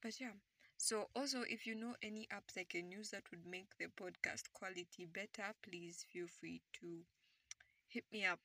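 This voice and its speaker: A woman's voice: medium pitch, normal speed, bright, forceful tone, dry recording. A young woman hosting her own podcast in a casual, jokey chat, recorded on a phone and often dropping to a whisper. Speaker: podcast host.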